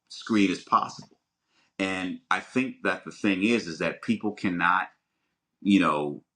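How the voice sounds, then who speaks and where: A podcast co-host with a low voice that sounds pushed and bright shares opinions on films in a casual chat. He's emphatic but halting, rambling and restarting his sentences again and again.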